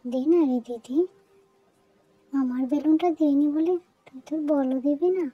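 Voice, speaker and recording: A woman voicing a small girl doll who begs her older sister, in a childlike, squeaky, wheedling voice. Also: normal speed, phone-quality sound, soft background music, lightly acted. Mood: pleading. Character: Tiya, little girl doll, pleading and whiny.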